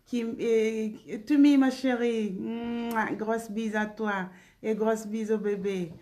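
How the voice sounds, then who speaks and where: A woman's voice: a little high, fairly even intonation, slow, warm tone. A woman singer hosting a casual live stream, greeting viewers by name and blowing them kisses between remarks.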